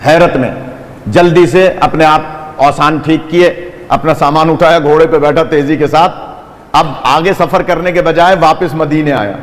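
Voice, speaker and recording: A man's voice: a little high, fairly even intonation, long reverb tail. A man preaching a sermon to a gathering, retelling a story dramatically with quoted dialogue and blessings for the listeners.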